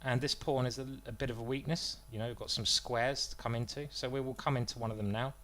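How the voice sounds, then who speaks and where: A chess streamer commentates his own game live, thinking aloud about moves and joking at his own expense between lines. He talks fast in a steady tone at an ordinary male middle pitch, loose and chatty rather than polished.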